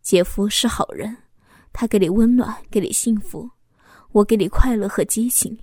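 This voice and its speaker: Brief: woman as a tender young male lover in a storybook, soft, soothing, higher than a man's voice. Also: steady tone, unhurried, slightly rough, no echo, studio quality. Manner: gentle, soothing, murmured.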